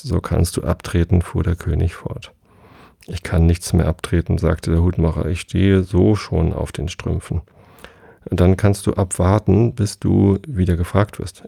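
A man reading a children's classic aloud in plain, even storytelling, recorded close and dry. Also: low voice, vocal fry, husky, no room sound. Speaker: audiobook reader.

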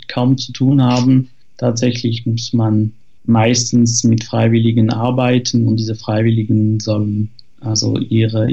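Man, French accent, hesitant, fillers, mellow tone, muffled lo-fi sound. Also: medium pitch, gravelly. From France. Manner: hesitant, many fillers and restarts. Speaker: guest, software developer. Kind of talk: casual podcast interview.

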